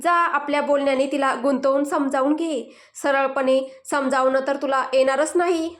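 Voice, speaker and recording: A stern but loving middle-aged mother-in-law from a storybook, read out by a woman. She scolds sharply and then softens in a high voice. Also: fairly even intonation, moderate pace, lightly acted. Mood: affectionate. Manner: scolding, affectionate.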